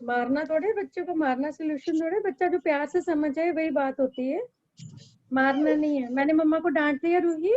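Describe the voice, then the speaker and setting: A woman teacher with an Indian English accent leading an online class, praying slowly with the children, then gently coaxing and scolding. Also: high voice, dry recording. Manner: slow, drawn-out prayer, then pleading and scolding. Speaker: primary school teacher. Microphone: video call. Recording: dull lo-fi video call audio.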